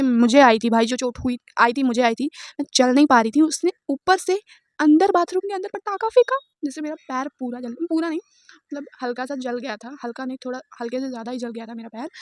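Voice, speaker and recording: A woman's voice: sits high, no echo. A young woman telling a storytime vlog in a casual, chatty way, laughing often and mixing in English words. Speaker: vlogger.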